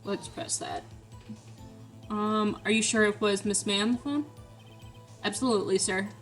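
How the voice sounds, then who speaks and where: A woman playing a story game reads its lines in a casual voice. She hesitates and stumbles often, at a middling pitch. Faint game music plays behind her. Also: unhurried, fairly bright tone. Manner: hesitant, with stammers and fillers. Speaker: game player reading all the parts. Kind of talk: casual let's-play voice reading.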